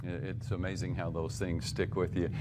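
A man's voice: low voice, flat delivery, moderate pace, noisy background. A man hosting a music interview podcast, friendly and chatty, with frequent hesitations as he asks questions. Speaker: podcast host.

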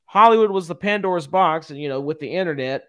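A podcast co-host chatting loosely and joking. He speaks with a markedly high voice for a man. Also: quick pace. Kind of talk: casual chat.

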